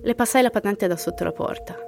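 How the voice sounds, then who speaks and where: A woman hosts a podcast where she reads listener horror stories, laughing in reaction and sometimes dropping to a whisper for the creepy parts. She talks fast with vocal fry in a medium-pitched voice, and music plays in the background.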